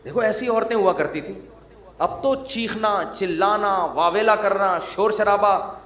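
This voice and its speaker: A man's voice: sits high, a bit bright. A male Islamic preacher giving a sermon in a joking, teasing, conversational way. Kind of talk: humorous sermon. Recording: roomy echo.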